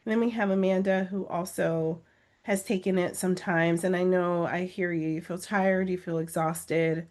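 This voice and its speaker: A native English-speaking woman coaches test-takers on a live video webinar, reading comments aloud and urging them on with encouraging, pleading, emphatic repetition. Her voice is on the low side and a little mellow, with fairly even intonation at normal speed.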